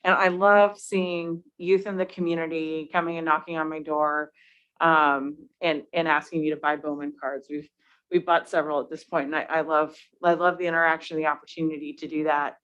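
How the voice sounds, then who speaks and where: A woman's voice: low voice, little pitch movement, brisk, a bit bright, clean tone. A woman board director sharing fond, hesitant remarks about her community at a public meeting, with frequent ums. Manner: hesitant, many ums, affectionate. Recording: muffled meeting-room audio.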